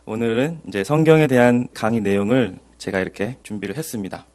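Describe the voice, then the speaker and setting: A man's voice: mid-range voice, brisk. Earnest Korean man giving a Bible lecture. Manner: earnest, animated storytelling. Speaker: evangelist.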